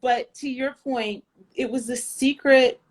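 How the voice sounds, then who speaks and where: An American woman chatting casually, telling a lively story full of fillers and asides. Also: high-pitched, measured pace. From United States. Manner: animated storyteller, lots of fillers. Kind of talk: casual chat.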